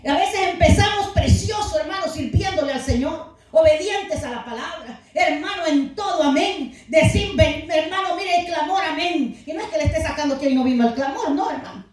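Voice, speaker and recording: Very high-voiced woman preaching in an echoey hall. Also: normal speed, hardly any pauses, distant mic. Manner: fervent, calls out to the brethren, rises to shouts. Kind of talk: Pentecostal sermon.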